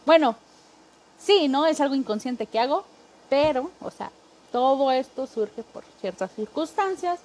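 A Mexican woman hosting a podcast, joking casually and acting out coworkers in quick impressions. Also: high-pitched, lively intonation, darkish tone. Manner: chatty, jokey, acts out coworkers in quick impressions. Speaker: podcast host. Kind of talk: casual comedic monologue.

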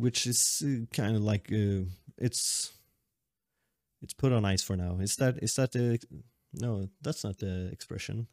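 Rambling low-voiced man in his late twenties. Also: darkish tone, no room sound, clean studio sound. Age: 20s. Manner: rambling, self-correcting, laughs often. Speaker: podcast host. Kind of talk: casual solo podcast chat.

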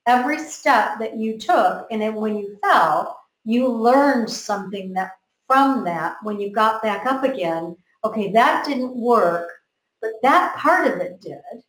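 A woman's voice: on the high side, animated, measured pace. A woman from America, talking earnestly in a group conversation and often repeating words as she works out her thoughts. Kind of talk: motivational group chat. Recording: roomy echo.

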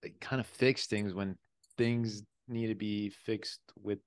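Deep gravelly but smooth guy, kinda hesitant, chill podcast talk. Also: slow pace, dry recording, studio quality. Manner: relaxed, hesitant, trailing off. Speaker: podcast co-host. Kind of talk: casual chat.

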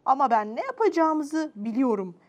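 A woman voicing a cute, brave young male creature hero of a children's story, in a high, excited voice. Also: moderate pace. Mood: determined.

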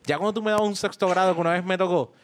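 A Puerto Rican man co-hosting a podcast, telling a funny story in a casual, animated way and acting out the voices. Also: high voice, rapid-fire. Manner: animated, laughing, acts out voices in anecdotes. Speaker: podcast co-host.

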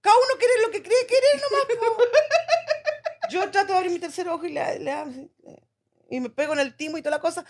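A woman's voice: extremely high pitch, a little fast, pauses often, a little hiss or hum. A middle-aged Chilean woman, a mother, joking and dramatic in a casual family chat. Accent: Chilean Spanish.

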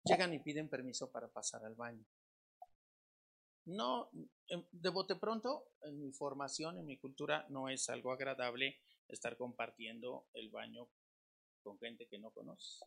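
A Mexican pastor preaching a sermon to his congregation in a conversational way, swinging between loud emphatic lines and quiet low asides, asking questions and repeating words. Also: measured pace, creaky. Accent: Mexican Spanish.

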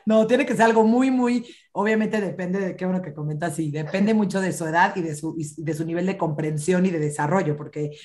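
Talking a little quickly with few pauses, a woman with a lowish voice discusses child development on a podcast. She's a parenting expert, lively in conversation, and she performs kids' lines herself.

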